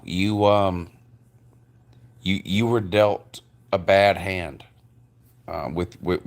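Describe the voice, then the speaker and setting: A man with a very low voice delivers a rambling personal monologue. He sounds drunk, with slurred words and a slow pace. His delivery is halting and repetitive, with drawn-out phrases. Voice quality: slurred speech. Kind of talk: rambling personal rant addressed to one person.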